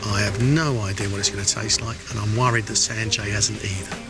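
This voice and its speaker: A man judging a TV cooking competition, talking in an emphatic, expressive way. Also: lowish voice, brisk, music in the background. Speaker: judge.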